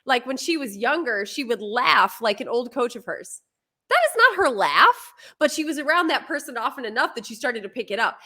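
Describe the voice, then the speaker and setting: A woman co-hosting a casual chat, a former TV weather forecaster who talks in a chatty, animated way. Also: fairly high pitch. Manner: chatty and animated, quick laughs.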